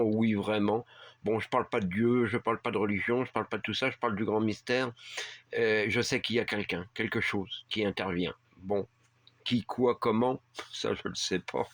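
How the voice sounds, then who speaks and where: A man's voice: fairly low pitch, steady tone, normal speed, dry recording. A man telling a story in a casual, rambling way, full of fillers and restarts. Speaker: vlogger. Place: rural home heated by a wood stove.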